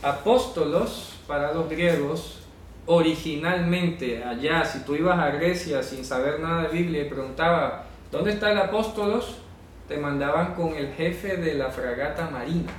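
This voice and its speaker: A man's voice: on the high side, measured pace, a little hiss or hum. A man teaching a Bible class, explaining words step by step and checking that students follow. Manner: explanatory, asks "¿ya?" to check understanding; corrects pronunciation insistently. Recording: echoey room, speaker far from the mic.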